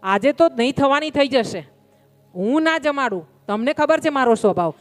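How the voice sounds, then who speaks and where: A woman's voice: high-pitched, lively intonation, normal speed, big-room sound, soft background music, pitched above the performer's own voice. A woman voicing an overworked housewife who scolds her husband in an indignant, complaining way.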